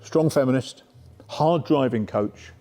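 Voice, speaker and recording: A man's voice: mid-range voice, unhurried, dark tone. A middle-aged man giving a conversational coaching workshop talk, often checking in with "yeah?". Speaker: sport psychology speaker. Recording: reverberant lecture room.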